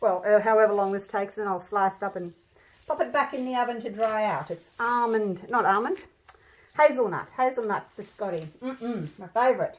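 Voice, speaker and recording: A woman's voice: medium pitch, moderate pace, a little hiss or hum. Australian woman, slightly muffled behind a mask. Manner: chatty, thinking aloud. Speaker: craft tutorial host. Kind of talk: casual chatty demonstration. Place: indoor craft table.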